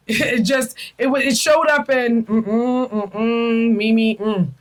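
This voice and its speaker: A woman's voice: fairly high pitch, steady tone, slow pace, rough recording. A middle-aged woman hosting a casual spiritual chat, talking earnestly and emotionally, often repeating her phrases. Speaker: podcast host.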